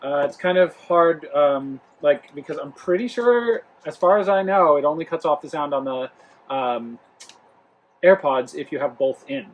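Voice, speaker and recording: Recorded with dull audio in a living room near the kitchen, this young man from Rhode Island speaks at normal speed in a higher voice with lively intonation. He's a travel vlog host doing a casual home product review vlog, rambling with plenty of fillers and restarts.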